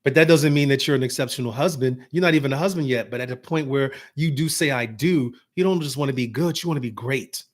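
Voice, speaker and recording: A man giving casual, motivational marriage advice, acting out bits of dialogue and dropping to a calm, soft tone for examples. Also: mid-range voice, quick pace, hardly any pauses. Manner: animated, acts out dialogue, drops to calm soft tones for examples.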